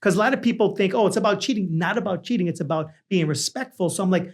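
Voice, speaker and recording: A man with a distinctly high-pitched voice hosts a relaxed interview chat. He talks in a rambling, conversational way, with a joking streak. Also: quick pace. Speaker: talk show host.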